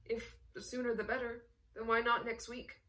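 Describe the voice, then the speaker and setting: A woman reading the lines of a dignified aristocratic man who speaks in a measured, formal way. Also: a little high, little pitch movement, a bit bright, recorded from a distance, lightly acted.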